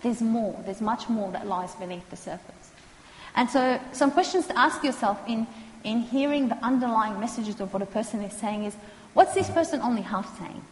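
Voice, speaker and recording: A woman, calmly explaining counselling skills to students and acting out what clients say. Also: a little high. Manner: calm, measured, acts out client quotes. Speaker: counselling lecturer. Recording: echoey hall, faint noise.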